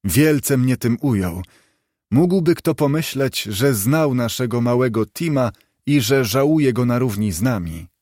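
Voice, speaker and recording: A man reading the part of a humble, grieving clerk and father, in a warm and earnest tone. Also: medium pitch, expressive, a little slow, dry recording, studio quality.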